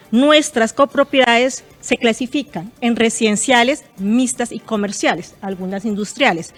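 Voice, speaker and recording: A woman, a guest expert explaining property tax rules in a precise, example-driven way on a radio talk show. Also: fairly high pitch.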